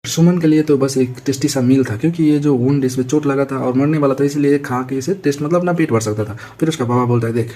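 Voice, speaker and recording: A man's voice: mid-range voice, mellow. A man with a Hindi accent retelling a comic story in casual narration, often rephrasing himself and reading out the characters' lines. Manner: fast, loose retelling with frequent rephrasing and quoted dialogue.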